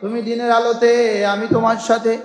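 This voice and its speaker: A man's voice: very high voice, level tone, brisk, a crowd in the background. A man preaching an Islamic sermon, repeating phrases in a rhythmic way, reciting Arabic verses and asking the listeners questions. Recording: echoey hall sound.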